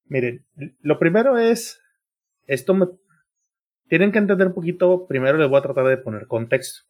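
A man's voice: fairly high pitch, expressive, moderate pace, darkish tone. A man in his thirties with a Mexican accent, a podcast co-host who talks earnestly to his friends and fills every phrase with slang. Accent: Mexican Spanish. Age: 30s. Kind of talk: casual chat.

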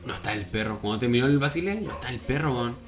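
A young man with a Chilean Spanish accent, co-hosting a casual podcast and telling animated, slangy stories, often laughing. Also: mid-range voice, racing, over loud music. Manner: animated storytelling, slangy, laughing often, acts out his own past lines. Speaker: podcast co-host. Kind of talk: casual chat.

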